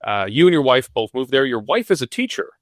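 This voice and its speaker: A man's voice: medium pitch, big pitch swings, fast, no room sound, clean studio sound. A man conducting a news interview, hesitant, with many fillers and restarts.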